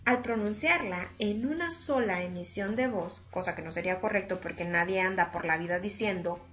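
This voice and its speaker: A woman's voice: medium pitch, a bit bright. A woman teacher giving a remote lesson on accents and syllables, pronouncing words syllable by syllable and speaking formally to her students. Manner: slow, deliberate, syllable by syllable, addresses students formally.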